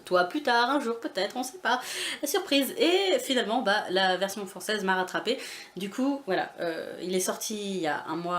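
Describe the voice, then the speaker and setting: In her book haul vlog, a booktuber from France talks in a relaxed way, stumbling through fillers and restarts while laughing at herself frequently. Her medium-pitched voice carries a slight hiss or hum.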